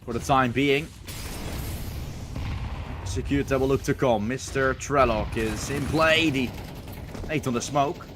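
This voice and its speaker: A man's voice: mid-range voice, steady tone, unhurried, long pauses, noisy background. Male esports caster, clipped live play-by-play. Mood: excited. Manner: esports caster delivery, short clipped phrases.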